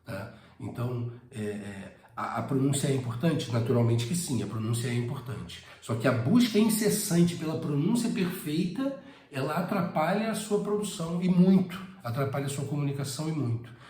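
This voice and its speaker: In a reverberant space, a Brazilian English teacher with a Rio de Janeiro accent speaks at normal speed in a highish, animated, dark-toned voice. His casual lesson is dotted with hesitations and repeated words.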